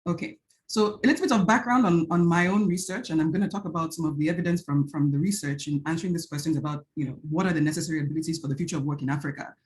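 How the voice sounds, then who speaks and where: A Nigerian woman with a Nigerian accent speaks earnestly on a video call as a researcher on an academic panel. Her voice is low, darkish and very fast, and she keeps asking "right?" and restarting phrases as she thinks.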